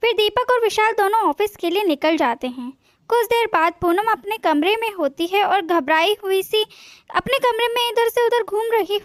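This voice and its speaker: Woman storyteller, plain steady narration, high pitch, dry. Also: no room sound.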